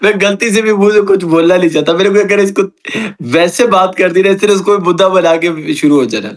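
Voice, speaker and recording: A man's voice: high voice, a little fast. A man chatting on a live stream, teasing and joking back at his co-host. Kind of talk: casual live-stream chat.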